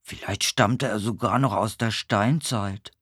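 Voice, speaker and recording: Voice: mid-range voice, husky, no room sound, studio quality. A narrator reading a children's audiobook aloud, telling the story as a young boy detective. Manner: slow, lively storytelling as a seven-year-old boy detective.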